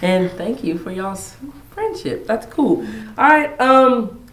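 A woman's voice: mid-range voice, expressive, takes it slowly, a little hiss or hum. Upbeat woman host, casual interviewer, recorded in a reverberant room. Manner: upbeat, chatty Southern phrasing. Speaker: podcast host, school administrative assistant. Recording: echoey room.

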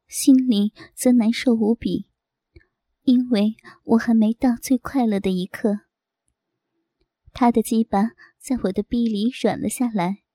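Woman, audio story narrator, higher voice, mellow, intimate, dry close recording. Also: no room sound. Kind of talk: first-person audio story reading.

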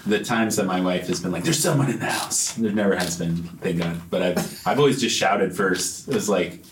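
A man's voice: sits low, normal speed. A man telling a playful story in casual chat at a group meeting, building suspense. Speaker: church group member. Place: meeting room. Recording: echoey room with faint noise.

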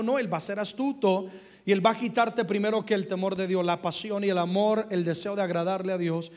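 A young man preaching a sermon as pastor, swinging from hushed passages to loud ones and calling out for replies from his congregation. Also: high voice.

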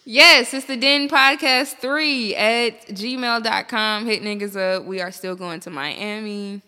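Podcast host, woman, 30s. Bright forceful voice, loose slangy banter, heavy reverb on the recording. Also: medium pitch, smooth. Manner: animated, slangy, quick to laugh. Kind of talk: casual, profane banter.

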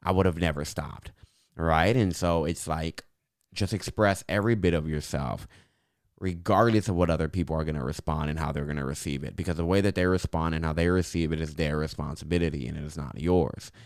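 A young man speaking earnestly and encouragingly as an interview guest, with a slight impediment that softens his r's toward w and affects his s's. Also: very deep voice, a little fast, no echo, clean studio sound. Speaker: podcast guest. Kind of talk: earnest personal reflection in an interview.

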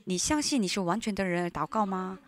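A woman interpreting a sermon live in a church, speaking in halting phrases with frequent restarts and fillers. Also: mid-range voice, expressive. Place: church hall.

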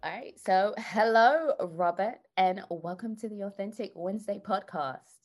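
A woman with a hoarse, croaky voice hosting an interview podcast in a conversational way. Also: medium pitch, a little slow, soft background music. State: hoarse voice from allergies. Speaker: podcast host.

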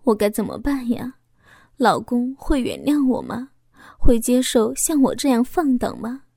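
Brief: female audiobook narrator, emotional first-person confession, higher voice, close and dry. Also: sing-song, a little slow, gravelly, warm tone, dry recording.

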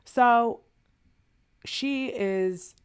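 A woman's voice: on the high side, very slow, clear, resonant tone. A woman, co-hosting a podcast and telling stories in casual chat. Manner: chatty storytelling, laughs often. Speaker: podcast co-host.

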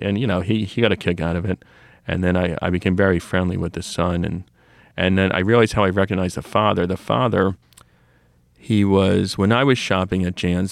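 A man's voice: sits low, gravelly, dry recording, clean studio sound. A middle-aged man who runs a comic shop, telling long rambling stories on a podcast with many restarts and asides. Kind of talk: casual storytelling conversation.

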